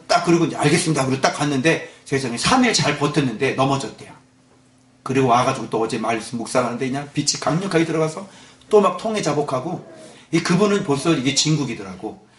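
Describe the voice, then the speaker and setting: Animated high-voiced preaching pastor. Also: male voice, roomy sound. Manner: animated preaching with rhetorical questions to the congregation. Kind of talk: Sunday morning sermon. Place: church sanctuary.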